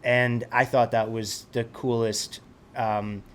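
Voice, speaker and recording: A Swiss helicopter pilot is interviewed in a casual chat, speaking reflectively and frequently restarting sentences while hunting for words. His voice is medium-pitched and level, fairly bright, delivered at a slow pace with slight background noise.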